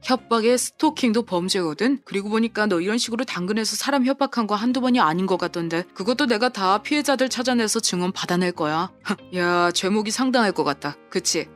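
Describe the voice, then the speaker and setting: A woman playing a calm, burly policeman. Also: mid-range voice, a little fast, hardly any pauses, soft background music, natural voice. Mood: cold. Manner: calm, cold, sarcastic questions. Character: big burly man, off-duty police officer, cool and mocking. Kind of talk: audio drama acting.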